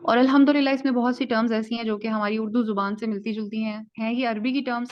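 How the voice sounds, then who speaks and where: A woman teaching a basic tajweed lesson in Urdu, explaining step by step and slowly modelling each sound. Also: a little high, steady tone. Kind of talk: online lesson. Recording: dull lo-fi audio.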